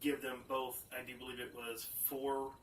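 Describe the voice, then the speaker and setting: A man co-hosting a casual wrestling chat, blunt and quick to swear. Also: mid-range voice, completely flat delivery, a little hiss or hum. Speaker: podcast co-host. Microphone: phone or tablet. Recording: distant phone recording.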